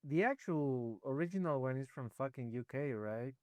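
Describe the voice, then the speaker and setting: A man's voice: mid-range voice, lively intonation, normal speed, a little mellow, no room sound. A man co-hosting a casual chat, laid-back, swearing freely and calling his friend bro. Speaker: podcast co-host.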